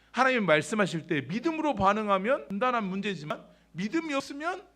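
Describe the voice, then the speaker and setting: A male pastor delivers a sermon in a church, talking to his congregation as if in conversation and peppering it with rhetorical questions. His voice sits fairly high and leaps around with great animation. He jumps between loud, emphatic lines and quiet, low asides.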